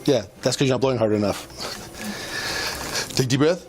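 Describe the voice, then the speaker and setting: A middle-aged police officer talks very fast at medium pitch as he walks someone through a breath test, firing off short, repeated instructions. The bodycam captures it beneath loud music and background noise.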